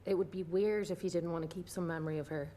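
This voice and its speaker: An actress playing a calm young girlfriend who speaks softly and reassuringly. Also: lowish voice, quick pace, slight background noise, close to an everyday voice. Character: young woman, new girlfriend, calm and composed.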